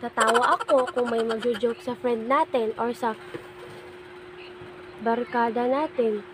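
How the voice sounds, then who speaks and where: A woman's voice: on the high side, steady tone, a little slow, heavy background noise. Small-voiced giggly young woman vlogger. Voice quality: small soft voice. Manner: giggly, laughs often. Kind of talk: casual chat.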